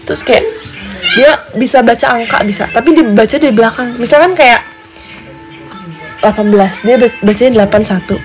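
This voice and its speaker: A woman's voice: a little high, fairly quick, pauses often. A young woman chatting casually with viewers on a phone livestream from her bedroom, giggly and talkative. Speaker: live streamer. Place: bedroom at home. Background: music.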